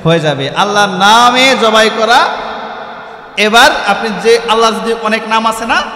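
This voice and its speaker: A man's voice: high-pitched, normal speed, sharp tone, echoey room, in a large hall. A man preaching a sermon who keeps asking his listeners questions and answering them himself, and chants Arabic supplications.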